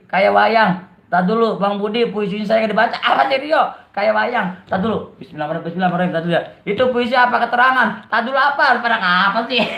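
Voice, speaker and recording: A man's voice: high-pitched, gravelly. A man with a Betawi accent hosts a casual live stream, reading viewers' comments aloud and teasing them with a lot of laughter. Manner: joking and teasing, laughs often. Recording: dull, roomy lo-fi live stream.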